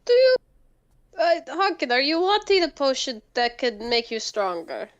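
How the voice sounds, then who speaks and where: A woman playing a tabletop role-playing game, speaking casually in character with halting, polite phrasing. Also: sits high, big pitch swings, a bit bright, highs cut off.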